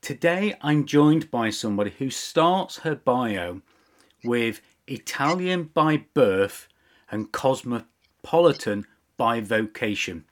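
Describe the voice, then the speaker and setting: A man's voice: medium pitch, lively intonation, takes it slowly. A man hosting a business podcast, introducing his guest with upbeat, self-deprecating asides. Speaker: podcast host.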